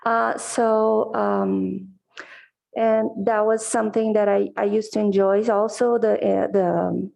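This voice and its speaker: A middle-aged Brazilian woman whose first language is Portuguese answers interview questions over a video call mic as a commission applicant. Her medium-pitched voice is gravelly, a little mellow, and animated at a measured pace, and she replies hesitantly with many fillers.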